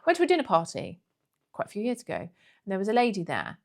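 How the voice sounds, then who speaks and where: A woman's voice: medium pitch, huge pitch swings, fast, vocal fry. Blunt, ranting woman. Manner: blunt, ranting, laughs often. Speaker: podcast co-host. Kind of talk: casual podcast chat.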